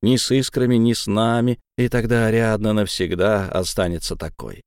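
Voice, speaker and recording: A man narrating a first-person novel as an audiobook, in a measured, dramatic reading. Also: fairly low pitch, fairly even intonation, darkish tone, clean tone, no room sound, studio quality.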